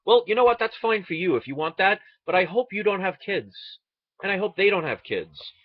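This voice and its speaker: A man's voice: high voice, big pitch swings, normal speed, no echo, highs cut off. A man from the United States delivering an impassioned, indignant political rant, sarcastic and full of rhetorical questions. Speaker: online video ranter.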